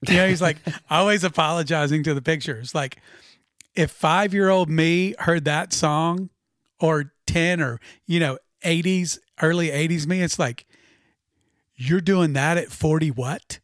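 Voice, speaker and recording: A man's voice: a little high, normal speed, fairly bright tone, no room sound. Man telling stories in a dry voice. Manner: anecdotal, laid-back, says "like" often. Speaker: podcast co-host, bass player. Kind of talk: casual chat about their record.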